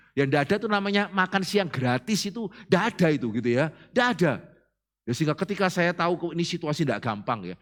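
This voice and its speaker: A man preaching a sermon as pastor, often asking his congregation questions. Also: on the high side.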